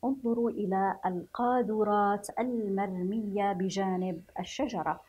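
A woman from Yemen teaching a reading lesson to young children, speaking slowly and spelling sounds out clearly while asking the class questions. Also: medium pitch, fairly even intonation, darkish tone, muffled recording. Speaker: primary school teacher.

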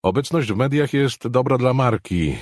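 A man voicing a calm, controlling male boss who coaxes answers out of his men. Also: mid-range voice, no room sound, clean studio sound, voice pushed up, close to an everyday voice. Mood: coaxing. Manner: measured, coaxing.

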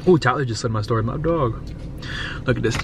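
A man's voice: mid-range voice, brisk, noisy background. A young man bantering in a parked car, joking, complaining and swearing. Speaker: vlogger's gym partner. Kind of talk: casual banter.

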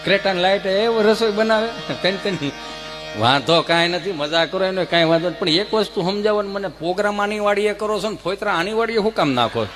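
A man's voice: high-pitched, fairly quick, music in the background. A man grumbling through a comic village rant. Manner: grumbling, exasperated complaining.

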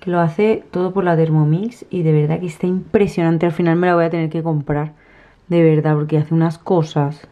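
A family vlogger in her thirties chats softly to a camera set close on her dinner table while she eats in a small room at home. Her low voice is brisk and fairly even, she restarts sentences often, and the sound is tinny, like a phone.

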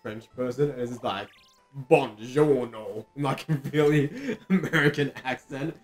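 A man's voice: medium pitch, normal speed, faint music behind. A young man co-hosting a let's play, chatting casually, laughing often and ending lines with "man". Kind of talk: casual gaming chat.

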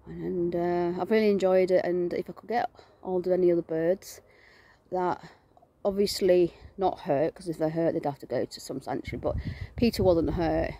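A woman's voice: on the low side, steady tone, normal speed, mellow. A woman vlogging from her garden, filming herself on a phone and chatting in a rambling way with lots of fillers. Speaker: vlogger and animal rescuer. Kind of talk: casual self-filmed chat.

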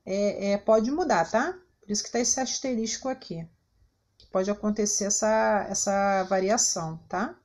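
A woman with a Brazilian Portuguese accent, an English teacher going over exercises in a recorded class and checking in often with her students. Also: medium pitch. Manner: unhurried, checks in with "né?" and "tá?".

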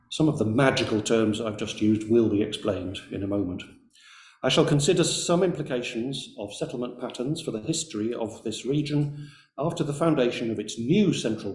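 A man's voice: medium pitch, darkish tone, echoey room. A man giving an academic lecture, reading carefully from a script with brief hesitations. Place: lecture room.

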